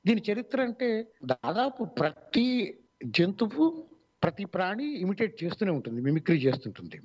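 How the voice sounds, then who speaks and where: A Telugu-accented man, a mimicry artist, talks through his answers on an online radio interview. He is measured and explanatory, with many pauses and fillers, in a slightly high voice. The audio is dull and lo-fi. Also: sing-song.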